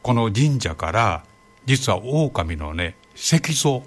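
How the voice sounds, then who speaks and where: A man hosting a podcast, chatting and gently explaining, ending phrases with soft tags. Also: mid-range voice, very animated, slow. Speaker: podcast host. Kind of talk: casual chat.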